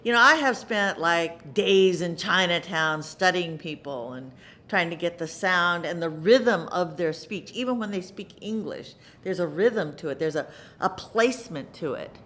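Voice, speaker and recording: A middle-aged woman, an actress, talking in an interview at a theater in an animated way, often repeating words for emphasis. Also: fairly low pitch, a little slow. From United States. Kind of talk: reflective interview talk.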